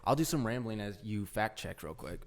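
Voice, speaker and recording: A young male podcast co-host with a somewhat low voice, talking loosely and rambling. He fills his sentences with "like", "dude" and "you know what I mean", keeping it laid-back and chatty. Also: expressive, a little fast. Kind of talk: casual chat.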